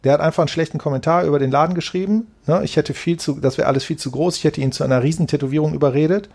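A man's voice: on the high side, very fast, creaky, darkish tone. A man in his forties, a tattoo artist, chatting as a guest in his shop in a laid-back, rambling way, often ending with a questioning tag and casual swearing. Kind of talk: casual interview chat.

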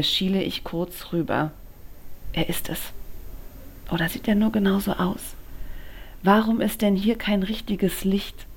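A woman author reading her own novel aloud in the first person, with an expressive, dramatic delivery. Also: on the low side, vocal fry, husky.

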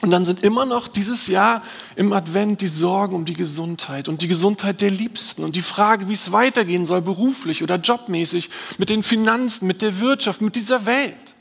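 A man's voice: high voice, moderate pace, creaky, a bit bright, breathy edge, big-room sound. A man preaching a sermon as pastor, earnest and reflective, posing rhetorical questions to his listeners.

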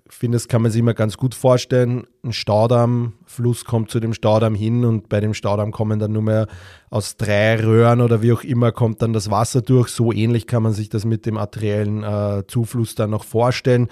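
A man hosting a solo physiotherapy podcast, talking in halting sentences full of fillers and restarts. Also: fairly low pitch, level tone, dark tone, no room sound, clean studio sound. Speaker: sports physiotherapist podcast host.

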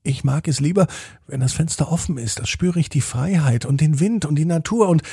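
Man playing an earnest little girl, pleading, raised pitch, husky, storybook figure. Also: a little fast, dark tone, dry recording, studio quality. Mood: confiding. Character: dreamy young girl, older twin sister.

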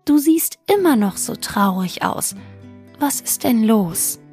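Soft pleading young daughter from a storybook, as a woman puts her on, slow, slightly gravelly. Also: on the high side, lively intonation, faint music behind. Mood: gentle concern. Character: gentle worried young daughter.

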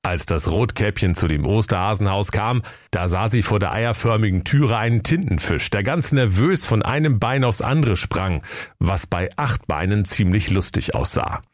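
A man narrates a comic fairy tale in a low voice with a northern German accent. His delivery is playful and very animated, and the recording sounds dry and close. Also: moderate pace, no room sound. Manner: lively, playful storytelling. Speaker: storyteller.

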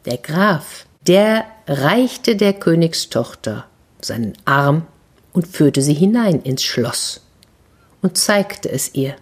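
A woman storyteller reading a classic fairy tale to children in a lively, expressive way, dropping now and then into hushed, whispery asides. Her voice is husky and pitched a touch low. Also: slow.

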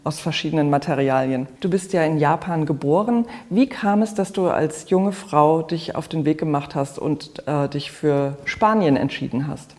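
A podcast host opens with a scripted introduction, then asks questions in an artist's studio. The voice sits at a middle pitch and stays calm and even, with a filler sound here and there. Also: moderate pace, few pauses.

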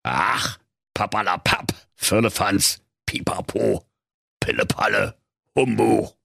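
A man's voice: lowish voice, takes it slowly, vocal fry, pushed and bright, husky, no echo, clean studio sound, full character voice. A man voicing a cantankerous stingy old male miser with a Berlin accent, grumbling and scolding. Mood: muttering.

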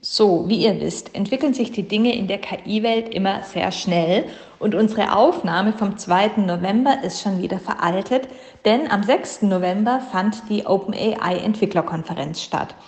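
A woman co-hosting a podcast gives a brisk, upbeat spoken update, recorded as a low-quality voice message. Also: darkish tone, roomy sound. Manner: brisk, upbeat, lightly correcting herself. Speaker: podcast co-host. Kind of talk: quick spoken news update.

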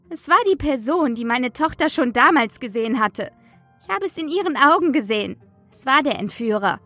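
A woman playing a frightened, snippy grandmother who gives dramatic, deliberate testimony in a German horror audio drama. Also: high-pitched, fairly bright tone, no room sound.

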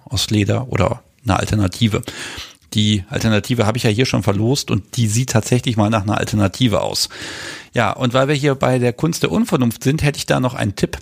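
A man's voice: mid-range voice, vocal fry. A man hosting a casual live podcast in a chatty, informal way, with a lisp that makes his s slushy, like sh. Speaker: podcast host.

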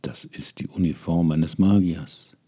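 Man reading storybook king, calm, unmoved, very dark voice, husky. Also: deep voice, a little slow. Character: calm unmoved old king, a secret magician.

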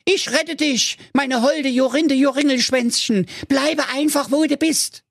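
A high, squeaky, dim young nobleman proclaims his brilliant ideas with eager excitement in a comic storybook tale. Dry, close recording. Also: measured pace, vocal fry, dry recording, heavily acted. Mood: heroic.

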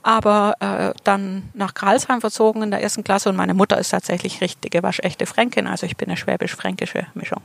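A middle-aged state politician from southern Germany chats as a guest in a relaxed interview outdoors at a garden allotment. Her mid-range, gravelly voice is flat and brisk with few pauses, dry in the recording, and she laughs easily amid plenty of fillers and restarts.

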